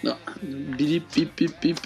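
A man's voice: a little high, steady tone, gravelly, darkish tone, soft background music. A young man, co-hosting a podcast in playful, joking casual chat. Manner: playful, joking, quick to laugh. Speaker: podcast co-host.

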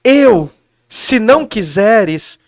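A man's voice: high-pitched, big pitch swings, no room sound, clean studio sound, voice pushed up, full character voice. A man doing a dreamy lovesick Juliet. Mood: yearning. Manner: slow, drawn-out theatrical recital.

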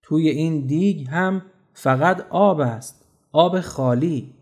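A poor, grieving widow from a children's storybook pleads in a plaintive voice as a male narrator acts her out. The tone stays fairly high for a man. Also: a little mellow, lightly acted. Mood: pleading.

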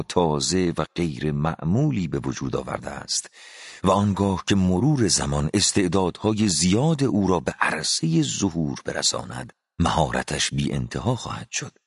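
A man narrating a literary story as an audiobook, reading in a slow, dramatic and expressive way. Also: deep voice, slightly rough, dry recording, studio quality.

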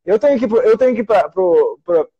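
A man's voice: high voice, animated, fast talker, dark tone, breathy edge, lo-fi sound. A middle-aged Brazilian man, a doctor and teacher hosting a casual live talk, rambling with many restarts. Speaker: host.

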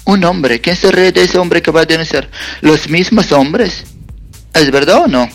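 A man calling in to a radio talk show over a phone line, speaking earnestly and haltingly and posing rhetorical questions. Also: on the high side, faint music behind. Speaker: caller. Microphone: phone call over a messaging app.

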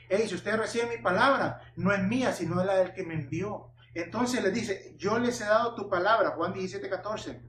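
High-voiced preacher in an echoey room. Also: male voice, a bit bright. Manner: asks and answers rhetorical questions, calls listeners "hermano". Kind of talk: sermon, Bible teaching. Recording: echoey room, mic at a distance, faint hum.

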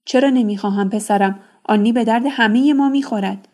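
A woman reading a novel aloud, voicing a calm, fatherly uncle who reassures a boy. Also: a little high, lightly acted. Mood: reassuring.

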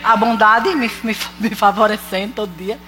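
A woman preaching a sermon, expressive, laughing often and swinging between loud and soft. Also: mid-range voice, normal speed. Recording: reverberant hall with faint noise.

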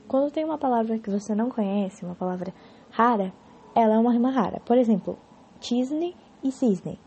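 A woman casually explaining poetry in a spoken lesson, correcting herself and slowing down to stress example words. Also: on the high side, warm tone, husky, highs cut off.

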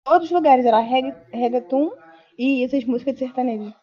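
A woman with a slightly high voice co-hosts a relaxed podcast chat. She tells stories with emphasis and leans hard on her opinions. The sound is dull and lo-fi. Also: a little fast. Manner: storytelling, emphatic. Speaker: podcast co-host. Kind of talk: casual chat.

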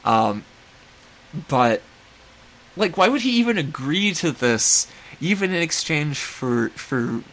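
A man's voice: on the high side, very animated, slow pace, pauses often, fairly bright tone. A man hosting a movie podcast, rambling and self-deprecating as he recaps a horror film. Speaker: podcast host.

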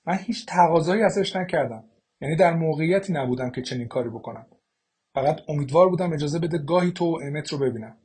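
A man reading an audiobook, voicing a middle-aged mother who is bitter and grieving, in a husky voice. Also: fairly high pitch, a little mellow. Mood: pleading.

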